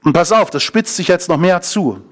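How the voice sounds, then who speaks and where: A man's voice: high-pitched, animated, normal speed, a bit bright. A man preaching a sermon, often asking his listeners questions. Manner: engaging, asks the audience questions.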